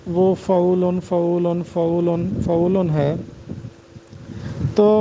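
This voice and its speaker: A man teaching students in a lecture, slowly and carefully spelling out the right pronunciation of names. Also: sits high, gravelly, dark tone, muffled recording, slight background noise. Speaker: Urdu teacher. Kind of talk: exam-prep lecture.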